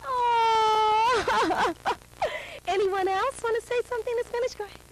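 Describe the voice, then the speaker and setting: A woman from New York hosting a children's show, chatting with kids in a lively, encouraging way and laughing often. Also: extremely high pitch, unhurried, heavy background noise. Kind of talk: casual chat with children.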